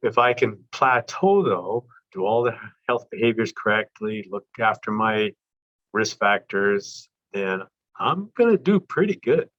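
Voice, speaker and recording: A man's voice: lowish voice, expressive, a little slow, a bit bright, highs cut off. A man working as a nurse practitioner, giving a casual, conversational health talk and acting out patient scenarios. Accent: Canadian.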